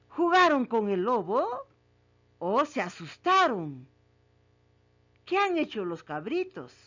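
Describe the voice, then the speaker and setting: A woman teacher asks children questions about a story, repeats each question, and then confirms the right answer. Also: a little high. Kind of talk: reading comprehension quiz for children. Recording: muffled lo-fi recording.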